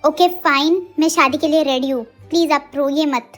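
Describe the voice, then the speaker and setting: A calm young father with a dry, teasing way of speaking, as a woman narrator puts him on. The voice is pitched lower than her own but still fairly high, with soft music behind the storybook. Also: normal speed, natural voice.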